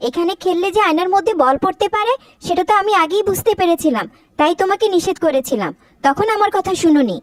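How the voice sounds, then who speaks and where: A woman voicing a stern, quick-tempered cartoon mother who scolds sharply. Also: very high-pitched, lively intonation, no room sound. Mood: scolding. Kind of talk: cartoon voice acting.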